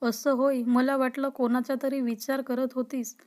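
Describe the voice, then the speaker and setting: A cheeky young woman, read by a woman narrator teases her best friend playfully. The voice is high and fairly level, a light storybook reading. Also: little pitch movement, moderate pace, darkish tone, close to an everyday voice. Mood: teasing. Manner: teasing, playful.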